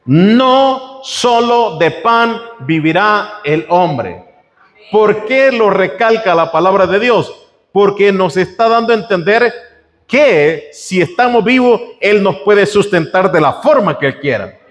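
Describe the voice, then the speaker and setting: Male preacher, a bit high-pitched, very lively delivery, church hall with long reverb; asks the congregation questions. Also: measured pace. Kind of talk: sermon.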